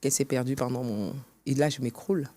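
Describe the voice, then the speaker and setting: Very deep and mellow, this woman's voice moves at a quick pace. As a guest author interviewed on a podcast set, she earnestly tells her story and plays out old conversations.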